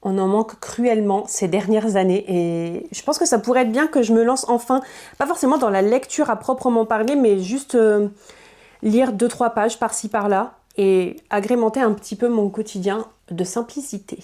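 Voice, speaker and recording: A woman's voice: fairly high pitch, moderate pace, dark tone. A woman vlogging about books in a casual, chatty way, candid and self-deprecating, with frequent hesitations. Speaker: book vlogger presenting her to-read pile. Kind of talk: casual chatty book talk to camera.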